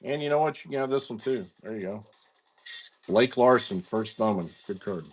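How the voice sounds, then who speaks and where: A man's voice: mid-range voice, animated, moderate pace, husky. A man hosting a live card-breaking stream, chatting casually in slang and greeting viewers by name. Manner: laid-back, slangy, talks to viewers by name. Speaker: card-breaking livestream host.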